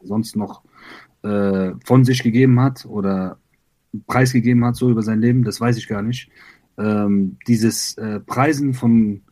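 A man from Iran, a rapper being interviewed, talking reflectively with many pauses, fillers and repeated words. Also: fairly low pitch, steady tone, warm tone. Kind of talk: conversational interview.

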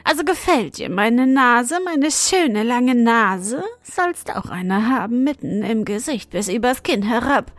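A woman voicing a hoarse, spiteful old witch who mutters and mocks in a storybook reading. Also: on the high side, lively intonation, a little slow, few pauses, no room sound. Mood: mocking. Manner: muttering, mocking.

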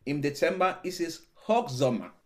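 A man from Cameroon with a voice on the high side talks at normal speed as a guest on a casual interview podcast. German isn't his first language; he's animated and full of laughter, often repeating "genau" and "ne."

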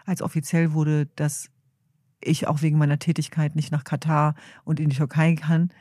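A woman's voice: deep voice, flat delivery, normal speed, mellow, no echo, studio quality. A middle-aged woman, a guest in an interview, telling her story in an earnest, reflective way. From Germany. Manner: earnest, storytelling, acts out quoted family voices.

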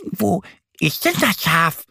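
A man voicing a little duck girl in a children's audio story, sulky and easily upset, talking in a high squeaky voice. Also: huge pitch swings, takes it slowly, creaky, a bit bright, slightly rough, dry recording, clean studio sound, full character voice. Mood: eager.

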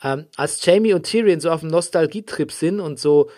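A man with a slightly high voice hosts a casual podcast chat. He rambles and jokes, stretching out his hesitations as he recaps. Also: normal speed, dark tone. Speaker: podcast host.

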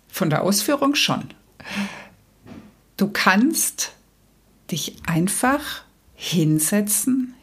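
A woman hosting a solo podcast, calmly explaining to the listener. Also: lowish voice, husky. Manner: calm, explanatory, addresses listener directly. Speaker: podcast host and coach.

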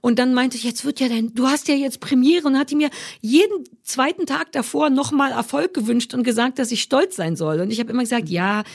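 A woman's voice: high-pitched, brisk, few pauses, slightly rough. A middle-aged woman co-hosting a podcast, telling a rambling, self-mocking story in casual chat. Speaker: podcast co-host.

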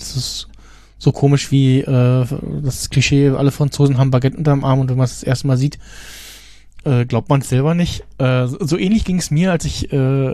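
A man's voice: medium pitch, dark tone, no echo. A man co-hosting a podcast in casual chat, rambling with many fillers and restarts. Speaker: podcast co-host.

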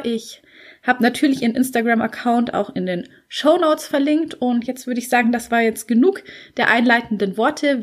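Woman podcast host, bit high voice, gushing and excited, chatty. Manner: enthusiastic, gushing, with fillers. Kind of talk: casual podcast intro monologue.

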